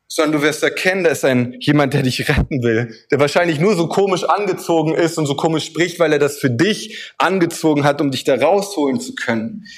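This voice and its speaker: A man preaching a sermon, speaking emphatically and addressing the listener directly with repeated phrases and a vivid illustrative story. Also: a little high.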